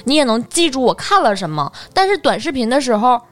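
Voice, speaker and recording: A woman's voice: high-pitched, sing-song, quick pace, fairly bright tone. A woman chatting casually as a panelist on a talk show. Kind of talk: casual chat.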